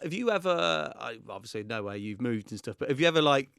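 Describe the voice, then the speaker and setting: A chatty man co-hosts a relaxed podcast, throwing in questions and laughing easily. His voice sits mid-range and is recorded close and dry. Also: medium pitch, quick pace, creaky, clear, resonant tone, no echo. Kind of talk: casual podcast chat.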